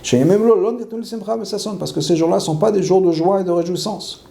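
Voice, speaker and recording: Male rabbi teaching a law class, gravelly and dark-toned, reads Hebrew then explains, repeats key phrases. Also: high-pitched, quick pace. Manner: asks questions and answers them himself.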